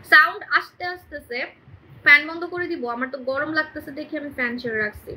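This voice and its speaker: A young woman pitches products on a phone live stream from her home. Her voice sits very high and sounds strikingly bright as she talks quickly. She hammers the same points again and again and keeps checking in with her viewers. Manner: emphatic and repetitive, keeps asking "right?". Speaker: online shop host selling beauty products. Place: indoors in a room at home. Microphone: phone camera on a live stream.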